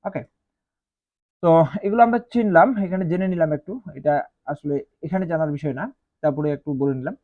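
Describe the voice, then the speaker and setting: A man teaching English grammar as a lesson, speaking slowly and repeating each example. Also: on the high side, animated. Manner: slow, repetitive, spells out each example. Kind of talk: explaining grammar rules to students. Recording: dull lo-fi sound.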